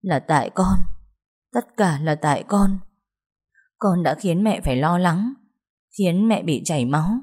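A woman's voice: lowish voice, lively intonation, measured pace, pauses often, darkish tone, husky. A woman voicing a remorseful young daughter who speaks tearfully and blames herself, in a spoken story. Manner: tearful, self-blaming.

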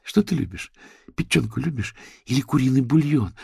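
A man's voice: medium pitch, expressive, normal speed, gravelly, darkish tone, husky, no echo, studio quality, voice pushed up, heavily acted. A man reading an audiobook, voicing a fervent woman who whispers tenderly and frantically to a sick animal. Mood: frantic tender. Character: woman writer, fervent and doting.

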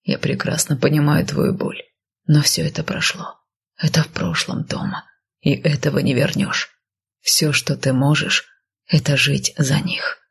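A woman voicing a stern but tender northern man, in whispered role-play with a low, husky whisper. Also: steady tone, unhurried, heavily acted. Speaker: male character voiced by narrator.

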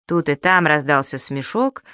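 A woman reading a children's audiobook in an even storytelling manner. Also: low voice, measured pace, clear, resonant tone, dry recording, clean studio sound. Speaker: narrator. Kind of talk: audiobook narration.

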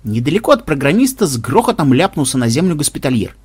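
An audiobook narrator reading expressively and with much lively variety. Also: mid-range voice, fast talker, slightly rough, no room sound, clean studio sound.

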